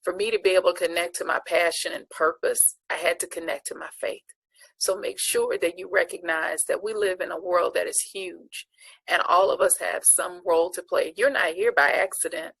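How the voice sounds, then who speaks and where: A woman with a husky, gravelly voice delivers an earnest, preacher-like speech of encouragement. Her tone sits on the low side, and the recording is dry and close with no room sound. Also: moderate pace, a bit bright, no echo, low-quality recording. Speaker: award honoree giving a speech. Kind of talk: inspirational speech.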